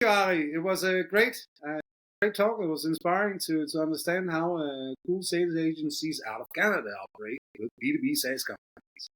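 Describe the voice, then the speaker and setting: A man hosting a podcast interview, speaking casually and haltingly with many filler sounds. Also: on the high side, fairly bright tone, low-quality recording. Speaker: podcast host.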